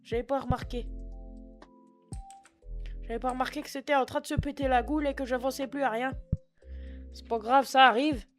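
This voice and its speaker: A man's voice: very high voice, fairly even intonation, moderate pace, long pauses, a bit bright, soft background music. A man voicing a foul-mouthed, scatterbrained 60-year-old female shop clerk with a put-on Picard and Norman patois accent, sniffling and rambling to chat from his computer. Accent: put-on Picard and Norman patois mix. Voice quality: sniffly, rambling, swears a lot. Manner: chatty, flustered, self-mocking asides to chat. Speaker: streamer doing roleplay. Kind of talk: live-streamed game roleplay. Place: at home at a computer.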